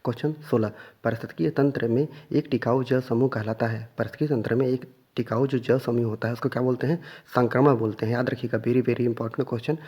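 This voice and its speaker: A man's voice: medium pitch, steady tone, a little fast, few pauses, slightly rough, muffled recording. A man teaching an exam revision lesson, asking questions and answering them himself, stressing the key points again and again. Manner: repeats key points and quizzes listeners with questions.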